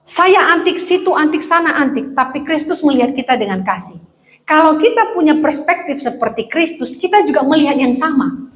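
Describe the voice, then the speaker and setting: A woman's voice: sits high, normal speed. A woman pastor preaching a sermon in a church, joking and acting out voices in her stories. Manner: lively, joking, acts out quoted speech. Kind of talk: sermon with anecdotes. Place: church hall. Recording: echoey church hall.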